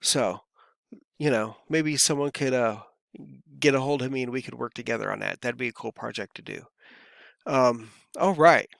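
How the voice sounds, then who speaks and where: A man's voice: medium pitch, moderate pace, vocal fry, fairly bright tone, no room sound, studio quality. A man from California talking casually to camera as a vlogger, rambling and easygoing with lots of fillers, his voice a bit worn. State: voice feels worn. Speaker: crypto vlogger.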